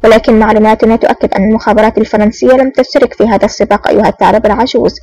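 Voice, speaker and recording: A woman's voice: fairly high pitch, little pitch movement, racing, warm tone, lightly acted. A woman voicing a stern, impatient male foreign agent in an audiobook, curt and scolding.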